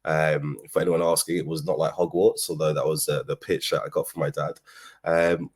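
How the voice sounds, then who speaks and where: A man from London, England, with a London English accent gives an informal business presentation, telling his own story as an agency co-founder. His voice is very deep and slightly rough, level in tone at normal speed. He speaks in a conversational, explanatory way.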